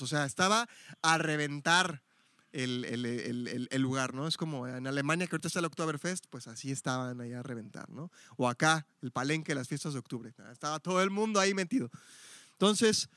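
High-voiced Mexico City man teaching church. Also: brisk, bright, forceful tone, no room sound. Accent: Mexico City Spanish. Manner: chatty and explanatory, frequent "este" fillers and self-corrections, joking asides. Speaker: Bible teacher.

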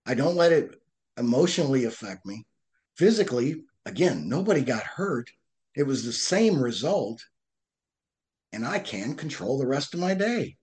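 A man talking casually as a podcast guest, telling stories with lively acted-out asides and frequent restarts. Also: mid-range voice, normal speed. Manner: animated storytelling, acts out angry drivers in raised voice; loose, repeats and restarts words. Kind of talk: casual conversational interview.

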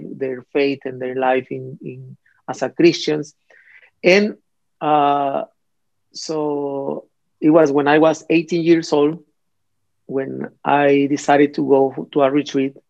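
A man from Mexico, a priest guest in a conversational interview, speaking in a hesitant, halting way with many restarts. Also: medium pitch, vocal fry, darkish tone. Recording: slightly dull audio with faint music.

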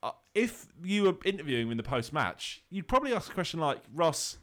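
A man's voice: fairly high pitch, big pitch swings, a little fast, a bit bright. A man co-hosting a podcast, joking and asking mock-interview questions. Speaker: podcast co-host. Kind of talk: casual banter.

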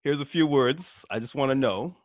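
A man's voice: medium pitch, lively intonation, moderate pace, no room sound. A man co-hosting a podcast in a casual, laid-back chat, laughing easily as he quizzes his guest. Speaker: podcast co-host.

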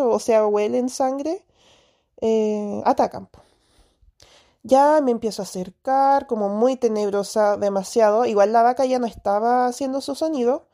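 A woman with a Chilean accent casually telling a story to her followers, slangy and lively, acting out sounds and quoting herself. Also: a little high.

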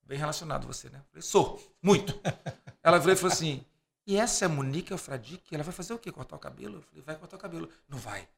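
A Brazilian man appears as a podcast guest, his voice fairly high, quick and creaky. He tells anecdotes with real animation, acting out the dialogue in different quoted voices and laughing between lines.

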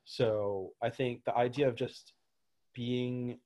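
A man's voice: medium pitch, steady tone, takes it slowly, warm tone. A man, a gym owner, answering interview questions in a loose, rambling way with lots of fillers and restarts. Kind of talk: casual interview talk.

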